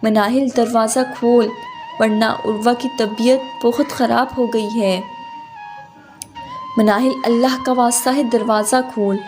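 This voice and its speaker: Woman doing a bullying sleazy husband in a storybook reading, kinda high voice, faint music behind. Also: fairly even intonation, close to an everyday voice. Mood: pleading. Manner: threatening, bullying. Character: lecherous menacing young husband, male.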